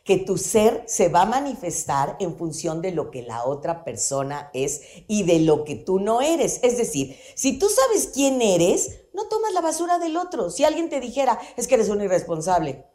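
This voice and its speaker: A woman, talking about psychology on the radio in an animated, playful way with many examples. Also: mid-range voice, normal speed, few pauses. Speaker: psychology guest on radio show. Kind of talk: conversational radio talk. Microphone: studio microphone.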